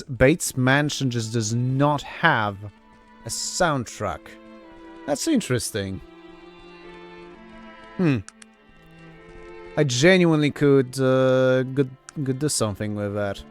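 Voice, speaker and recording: A man giving casual commentary on his own playthrough, halting, repeating words and swearing freely. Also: mid-range voice, soft background music. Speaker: gamer narrating own playthrough.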